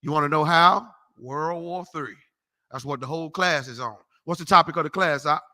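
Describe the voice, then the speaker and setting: Brief: profane street preacher, man, high, tense, cutting. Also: normal speed, bright, forceful tone. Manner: brash, profane, mocking, tells people off. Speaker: street preacher teaching a class. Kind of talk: loud street-corner Bible teaching.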